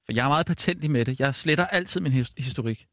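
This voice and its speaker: An actor playing a defensive, flustered male radio colleague in satirical comedy, halting and insistent, prone to swearing. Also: mid-range voice, fairly bright tone, no room sound, studio quality, close to an everyday voice. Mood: insistent, aggrieved.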